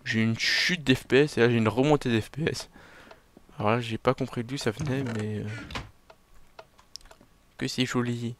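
A man talks through his game in a loose, joking way, muttering and mocking himself as he plays. His voice sits at an ordinary middle pitch. Faint keyboard clicks are heard behind him. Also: steady tone, normal speed, long pauses, a bit bright, a little hiss or hum. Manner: chatty, self-mocking, muttering to himself while playing. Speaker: let's play gamer. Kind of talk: casual game commentary.

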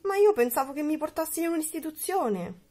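Olivia, a woman playing a squeaky little girl. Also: fairly quick. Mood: excited. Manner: high and squeaky, excited. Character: small spirited girl, curious and cheeky.

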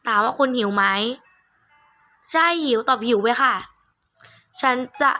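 Female gamer, fairly high and very bright voice; casual playthrough commentary, reads on-screen text, blunt, sweary, mocking. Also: normal speed, soft background music. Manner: blunt, mocking, foul-mouthed. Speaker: gamer playing through a horror game. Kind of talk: casual gameplay commentary, reading game text aloud.

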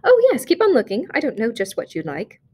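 A woman voicing a wealthy, generous lady friend, speaking in an airy, high tone in a storybook reading. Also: wildly swooping pitch, fairly quick, darkish tone, slightly rough, full character voice.

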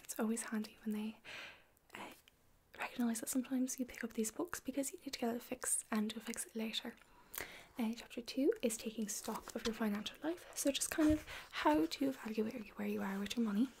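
A young adult woman in a whispered role-play as a chatty librarian, talking in a soft library whisper. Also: a little high, fairly quick. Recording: clear background noise.

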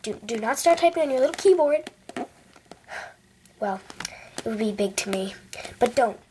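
A teenage girl vlogging to camera, rambling playfully and dropping into whispers between loud bursts. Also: a little high, lively intonation, moderate pace, a little hiss or hum. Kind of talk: casual vlog chat.

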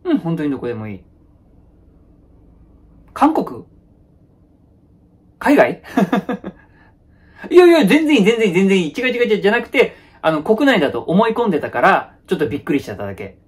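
A man's voice: on the high side, wildly swooping pitch, moderate pace, long pauses, slightly rough, heavily acted. A man playing a young boyfriend in a one-sided comedy sketch, placating, repeating phrases nervously and laughing awkwardly. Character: young male boyfriend, placating, avoids any conflict.

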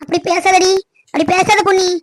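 A worried, tearful cartoon village mother, voiced by a woman in a very high, thin voice. She pleads anxiously, close to tears. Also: fairly even intonation, fairly quick, a little hiss or hum. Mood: tearful pleading. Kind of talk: cartoon voice acting.

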